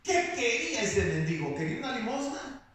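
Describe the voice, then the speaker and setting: A man preaching a sermon, slow and emphatic, rising now and then into shouts. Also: very high voice, big pitch swings. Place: church hall. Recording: very echoey hall, voice picked up from a distance.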